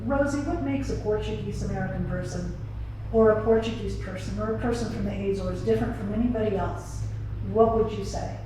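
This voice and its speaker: A woman's voice: medium pitch, fairly quick, few pauses. A woman interviewer asking questions in a conversational, encouraging way, rephrasing them informally as she goes. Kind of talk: conversational oral history interviewing. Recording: very echoey room, faint noise.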